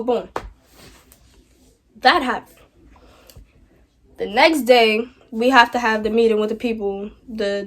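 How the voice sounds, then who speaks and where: A teenage girl telling a storytime vlog, acting out the people she quotes with slangy asides. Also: mid-range voice. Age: teens. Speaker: vlogger.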